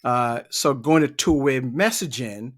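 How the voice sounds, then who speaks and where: A middle-aged man from Barbados, a leadership trainer, speaks casually as a podcast guest. His voice is mid-range for a man, and he answers in an unhurried, easygoing way, often repeating a word or two while he thinks.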